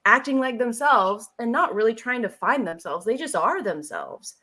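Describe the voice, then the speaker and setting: As a guest on a podcast, a Seattle-area American woman tells casual stories at a normal speed in a voice on the higher side. She delivers them with animated emphasis, tossing in joking asides and acting out quotes.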